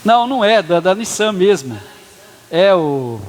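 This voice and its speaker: Pastor with a high voice in a reverberant church. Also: male voice, very animated, a little slow. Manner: casual storytelling with quoted dialogue. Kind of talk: sermon storytelling. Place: church hall.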